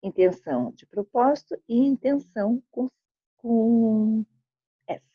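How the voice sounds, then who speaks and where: A husky woman with a voice on the high side speaks slowly as she teaches grammar to schoolchildren, her accent Brazilian Portuguese. She patiently repeats examples and checks in with students as she goes. The recording is dry, dull and lo-fi.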